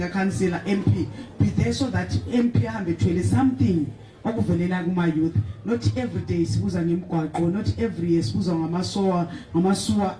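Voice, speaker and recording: High-voiced Zimbabwean man, echoey hall. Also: warm tone. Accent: Zimbabwean, Ndebele-English. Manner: switches between English and Ndebele, with hesitant fillers. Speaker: panelist. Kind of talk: panel discussion remarks. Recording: echoey hall from far off, with noise.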